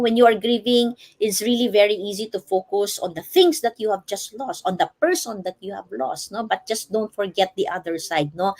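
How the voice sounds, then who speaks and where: A woman's voice: mid-range voice, a little mellow. A woman with a Filipino accent, a life coach giving advice on a live stream, switching between English and Tagalog and checking in with frequent tag questions. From Philippines. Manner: mixes English and Tagalog, tag questions after nearly every phrase.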